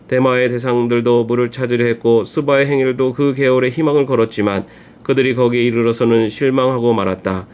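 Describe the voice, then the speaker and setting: A man reading a long scripture passage aloud for a church, in a steady, measured voice. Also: mid-range voice, smooth. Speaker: church Bible reader.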